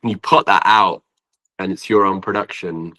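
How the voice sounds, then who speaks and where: In a casual interview, a singer-songwriter and producer from Preston speaks with a northern English accent at a normal speed. His voice is deep but bright and forward with fairly even intonation, and his sentences ramble informally, often using "like."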